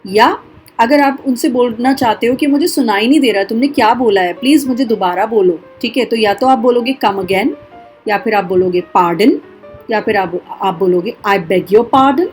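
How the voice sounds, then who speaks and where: A woman with an Indian accent teaching a spoken English lesson, demonstrating phrases slowly and carefully. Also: a little high, soft background music.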